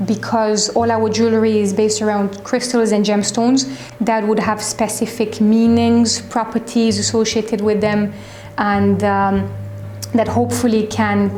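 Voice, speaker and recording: A woman's voice: mid-range voice, mellow, a little hiss or hum. Echoey French woman in her twenties. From France. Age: 20s. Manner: reflective, hesitant with fillers and restarts. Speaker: shop owner interviewee. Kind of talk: interview answers. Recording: echoey room.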